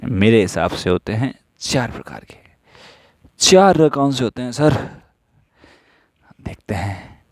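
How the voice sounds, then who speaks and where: A man teaching stenography in a slow classroom style, who asks questions and answers them himself while repeating the rules. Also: medium pitch, lively intonation, no room sound, clean studio sound.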